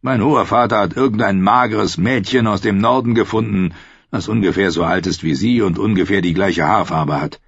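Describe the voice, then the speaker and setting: A man's voice: on the low side, moderate pace, vocal fry, slightly rough, dry recording. A man reading an audiobook, voicing a cynical, mocking one-handed knight in a dry, sardonic way. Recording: dry, slightly dull studio audio.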